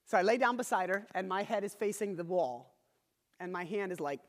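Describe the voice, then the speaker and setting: Thirties pastor guy preaching, high voice, earnest and chatty, stumbles and restarts, long echoey church hall. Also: animated, brisk. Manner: earnest, conversational, frequent restarts. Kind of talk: sermon with personal storytelling.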